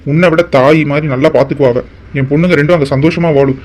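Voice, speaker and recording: A man's voice: fairly high pitch, steady tone, darkish tone, close to an everyday voice. A man voicing a stern middle-aged father in a cartoon drama, scolding his scheming wife. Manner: rapid, scolding. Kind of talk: Tamil cartoon drama voice acting.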